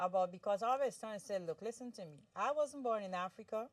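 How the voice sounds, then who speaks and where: A woman's voice: medium pitch, quick pace, dry recording. A woman from Guyana, hosting a conversational interview in a chatty way and often finishing her guest's sentences. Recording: distant mic, dry sound.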